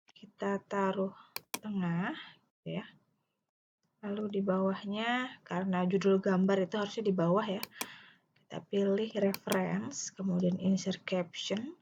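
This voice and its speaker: A woman giving a step-by-step software tutorial, thinking aloud haltingly and at times dictating words as she types. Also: medium pitch. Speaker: instructor. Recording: muffled lo-fi mic, clear background noise. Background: keyboard typing and mouse clicks.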